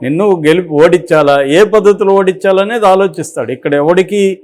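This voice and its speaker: A political and film commentator with a Telugu accent offers unscripted, opinionated commentary, explaining through examples and rhetorical questions. His voice sits high, is darkish in tone, and moves fairly quickly.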